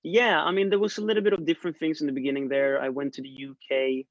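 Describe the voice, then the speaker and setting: A young man from Sweden, guesting as a songwriter, talks easily over a video call in a casual interview, laughing a lot and trailing off into fillers. He speaks quickly with a fairly high pitch, captured in a dull, dry, lo-fi recording.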